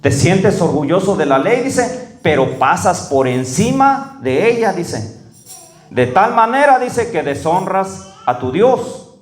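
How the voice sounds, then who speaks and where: A man giving a conversational sermon, often checking in with the congregation and slowing down to read scripture aloud. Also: big pitch swings, roomy sound. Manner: slows down and rises in pitch when reading scripture. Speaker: preacher. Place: church hall.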